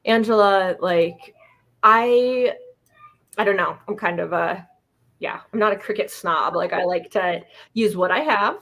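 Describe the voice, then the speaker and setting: A woman's voice: medium pitch, unhurried, a bit bright. A woman co-hosting a craft livestream, talking in an informal, agreeable, chatty way. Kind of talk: casual live chat.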